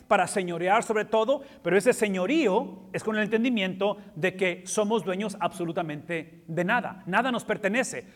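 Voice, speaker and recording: A man's voice: high-pitched, a bit bright, big-room sound. A man preaching a sermon with emphasis, repeating key words and slipping in English terms. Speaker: pastor. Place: church hall.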